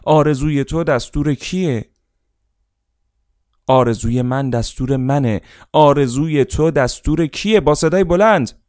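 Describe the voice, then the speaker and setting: A man giving a motivational seminar speech, emphatic and repetitive, often calling on listeners to repeat after him out loud. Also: mid-range voice, no echo, studio quality. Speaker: motivational speaker.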